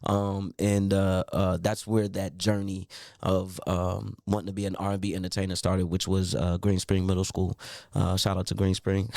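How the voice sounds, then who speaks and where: A man in his late thirties, an R&B singer, telling his story in a relaxed interview with lots of fillers and restarts. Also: deep voice, normal speed, vocal fry, dry recording, clean studio sound. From Milwaukee, raised in Baltimore. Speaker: R&B singer, guest. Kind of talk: casual interview chat. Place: radio studio.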